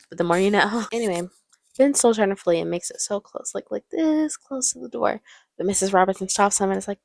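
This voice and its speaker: A young woman talks through a film in a loose, chatty way, peppering her lines with fillers and slipping into mock voices. Her voice has a gravelly fry, recorded close and dry with no room around it. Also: medium pitch, no room sound. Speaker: movie commentator. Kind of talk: casual film commentary.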